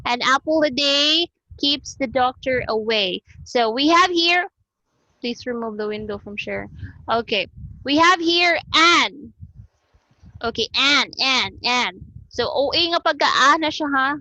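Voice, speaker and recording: A woman's voice: high-pitched, unhurried, pushed and bright, no echo, poor audio. A woman teacher with a Cebuano Filipino accent giving an online class lecture over a video call. She switches between English and Cebuano and repeats sounds as she explains them.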